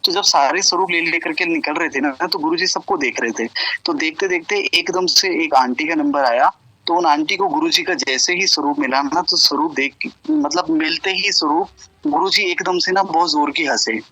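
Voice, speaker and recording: At a satsang, a man with a slightly high, bright, forceful voice shares stories of devotees at a moderate pace, earnest and flowing. His Punjabi-tinged speech often quotes others, mixing Punjabi and Hindi, on a rough recording.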